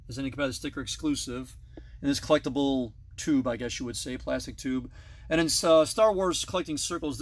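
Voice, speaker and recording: A man in his thirties, his voice a little high and gravelly, chats through a detailed tour of his toy collection. He films on a handheld phone held at arm's length in an indoor basement full of toys.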